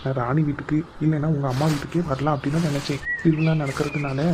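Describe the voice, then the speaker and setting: A man voicing an aging father in a cartoon, speaking quietly with hurt and reproach. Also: on the high side, level tone, fast, noisy background, close to an everyday voice. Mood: hurt, reproachful. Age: older. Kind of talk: Tamil cartoon voice acting.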